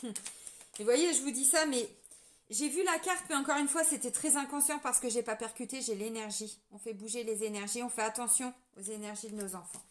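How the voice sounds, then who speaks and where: A woman's voice: fairly high pitch, a little fast. A woman tarot card reader and energy healer, talking casually and earnestly to her viewers, full of fillers and tag words.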